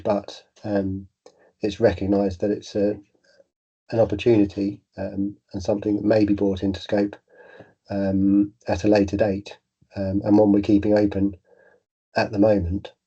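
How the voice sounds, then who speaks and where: A man with a bad cold presents at a meeting in a low, muffled, congested voice. His delivery is hesitant and very even, with a husky edge and dull recorded sound.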